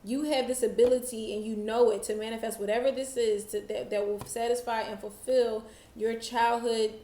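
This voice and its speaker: Slow, reflective woman reading tarot. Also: a little high, fairly even intonation, dark tone, reverberant. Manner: slow, reflective, channeling-style delivery. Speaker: tarot reader.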